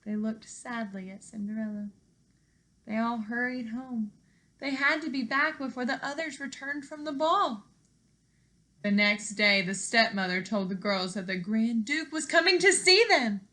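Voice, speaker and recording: An unhurried, fairly high-pitched woman in her thirties leads an expressive children's read-aloud and lesson at home in the living room. As an elementary teacher, she keeps an animated, encouraging tone and asks the young pupils simple questions.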